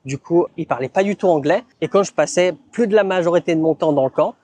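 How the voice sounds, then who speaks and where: A man's voice: on the high side, fast talker, dark tone, no echo. Chatty man telling his story. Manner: conversational, frequent fillers and tag words. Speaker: vlogger. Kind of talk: casual vlog narration.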